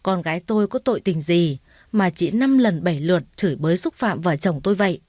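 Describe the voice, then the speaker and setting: A woman voicing an angry father who briskly rebukes others in defense of his daughter. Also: lowish voice, a little mellow, dry recording, clean studio sound, close to an everyday voice.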